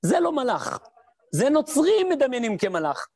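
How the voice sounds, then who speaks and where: A man's voice: very high-pitched, dry recording, clean studio sound. A man giving a Torah lesson as a rabbi, telling stories with sound effects and answering his own questions. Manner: lively storyteller who mimics sounds and voices; asks rhetorical questions and answers them. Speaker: rabbi teaching a class.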